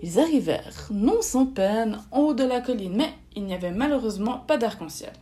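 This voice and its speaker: Expressive woman reading a children's story. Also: a little high, moderate pace. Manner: lively, expressive.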